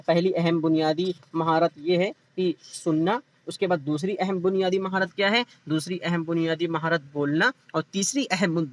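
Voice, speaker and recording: A male teacher giving an exam-prep lecture, repeating each point and answering his own questions. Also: fairly high pitch. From India.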